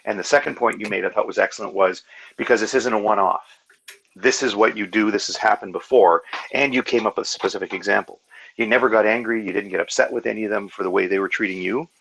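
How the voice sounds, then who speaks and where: Guest in an online chat, man with a low, gravelly voice, earnest and analytical. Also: fast talker, a bit bright, low-quality recording. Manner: earnest, analytical, full of fillers and restarts. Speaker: hangout guest. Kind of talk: casual video call discussion.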